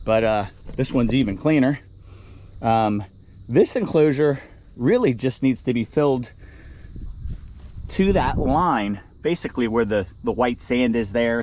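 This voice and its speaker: A man talks through a building job outdoors in a casual, rambling way, a little out of breath. His pitch sits in a middle range. Faint insects and outdoor noise come through behind him. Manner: rambling, explains as he works. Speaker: animal keeper and vlog host. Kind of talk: casual vlog narration while working. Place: outdoors by animal enclosures.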